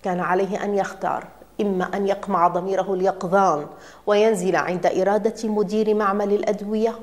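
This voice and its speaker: A woman reads a dramatic tale aloud in a measured, expressive way. Her voice sits at an ordinary middle pitch, and her pacing builds the suspense. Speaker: narrator. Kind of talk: scripted story narration.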